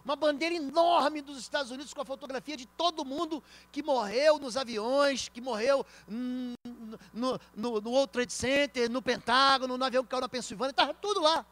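A Brazilian-accented male pastor with a strikingly high voice delivers a church sermon. He preaches emphatically, swinging from hushed asides to loud declarations. He tells stories and addresses the congregation directly. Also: normal speed, hardly any pauses.

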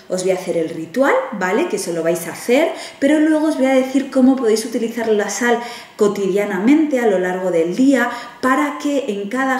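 A woman's voice: on the high side, recorded from a distance. A woman from Spain with a Spanish accent, standing at a table and demonstrating a ritual in a chatty tutorial, often checking in with her viewers. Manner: chatty, frequent "¿vale?" check-ins, animated hand gestures. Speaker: witch teaching rituals. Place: room indoors, standing at a table. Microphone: camera at a distance. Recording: echoey room, voice from off-mic.

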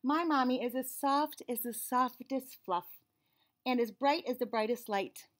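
Her voice is high and her pace measured: an American woman in her forties, working as a read-aloud host and teacher, shares a picture book with young children. She reads with expression and mixes in friendly teaching asides. Shelves and cabinets fill the small indoor room.

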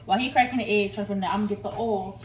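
A woman's voice: medium pitch, steady tone, racing. A young woman making a casual cooking vlog in her home kitchen, filming on a phone and bossing and teasing the kid helping her in a slangy way. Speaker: vlogger. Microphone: phone camera. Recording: echoey kitchen with clear noise.

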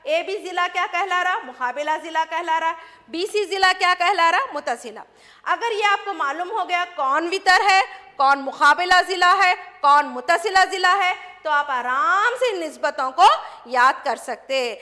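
A woman math teacher gives a classroom lesson in a very high voice. Her tone is bright and clear, and she drills each term through repetition and questions she answers herself. A long hall reverb trails her words. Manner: patient, repeats terms, asks and answers own questions.

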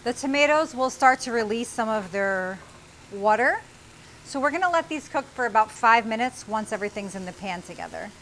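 Her voice is on the high side, a bit bright, brisk and lively in intonation, with slight background noise on her lapel mic. A woman in her forties, she hosts a cooking show in a small studio kitchen. She offers friendly step-by-step instructions as she cooks.

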